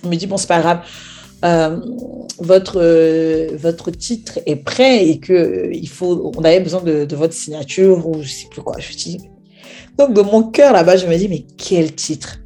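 A young woman tells a personal testimony, replaying each exchange in quoted dialogue. Her voice sits low and sounds mellow and warm. Soft music plays faintly beneath her. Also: a little slow. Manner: animated retelling with acted-out quoted dialogue. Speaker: speaker sharing a personal testimony. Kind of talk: storytelling testimony.

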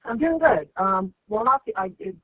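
A woman's voice: medium pitch, expressive, moderate pace, breathy edge, no echo. A woman disguising her voice with a voice changer, playing a newly divorced caller who is bitter at her ex, talking in a hesitant, rambling way over the phone. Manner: hesitant, rambling, stumbling restarts. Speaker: prank caller. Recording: tinny phone line.

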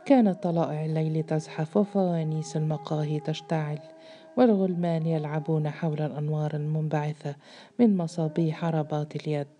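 Low, dark-voiced female narrator. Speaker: audiobook narrator. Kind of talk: literary audiobook narration.

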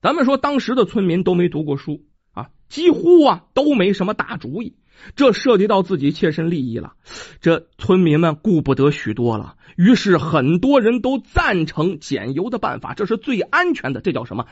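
A lively storyteller whose voice swings up and down through a traditional folk tale, full of chatty asides. The voice is a little husky, and the recording sounds dull and dry. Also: medium pitch, normal speed, no echo.

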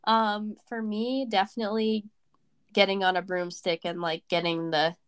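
A woman's voice: medium pitch, flat delivery, moderate pace, clear, resonant tone. A woman co-hosting a casual podcast chat, rambling with fillers and restarts, her voice a little worn after covid. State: recovering from covid, voice may crack. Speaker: podcast co-host.

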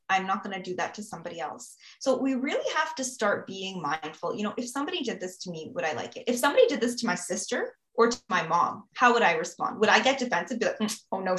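Woman, podcast guest, earnest advice-giving tone, mid pitch, recorded in an echoey room. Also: fairly bright tone. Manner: earnest, advising, frequent "you know" and "right?". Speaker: guest speaker on mental health. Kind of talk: casual podcast conversation.

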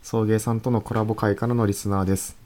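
Calm low-voiced Kansai man. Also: quick pace. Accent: Kansai Japanese. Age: 30s. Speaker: podcast co-host. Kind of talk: casual chat and reading a listener letter.

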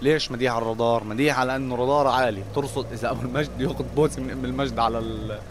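A man's voice: medium pitch, steady tone, very fast, close to an everyday voice. A man playing a chatty, exasperated married taxi driver with a Levantine Arabic accent, telling comic stories in colloquial speech. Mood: teasing storytelling. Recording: music and engine noise behind.

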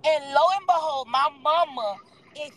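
A woman's voice: a little high, moderate pace, heavy background noise. A young adult woman, a guest on a chat show, telling a story with dramatic flair and calling her listeners y'all.

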